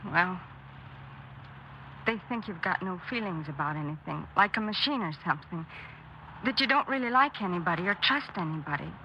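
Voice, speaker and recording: In a 1950s radio drama, an actress plays an earnest, troubled young girlfriend, speaking hesitantly in a fairly low, animated voice at normal speed. She sounds hurt and anxious, and the broadcast is muffled with faint noise.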